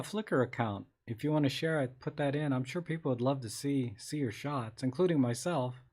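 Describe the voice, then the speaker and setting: Hosting a casual live-streamed Q&A on photography, a man with a fairly high-pitched voice reads viewer comments aloud. He answers in a relaxed, rambling manner with many restarts, his voice a little scratchy today.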